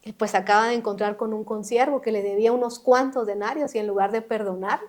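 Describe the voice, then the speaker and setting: A woman's voice: a little high, fairly even intonation, fast. Earnest woman preaching on a podcast. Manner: earnest, preacherly, exhorting the listener. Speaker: podcast host.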